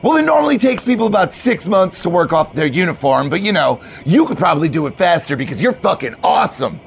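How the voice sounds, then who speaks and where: A man voicing a hyped-up, profane young male bro manager who shouts and swears with manic enthusiasm during a tabletop game. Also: high voice, sing-song, quick pace, gravelly, slight background noise, pitched above the performer's own voice, exaggerated voice. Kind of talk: tabletop role-play character voice.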